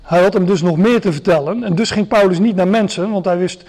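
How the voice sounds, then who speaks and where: A man's voice: sits high, brisk, darkish tone. A man preaching a sermon to a gathering, explaining step by step with frequent hesitations and restarts.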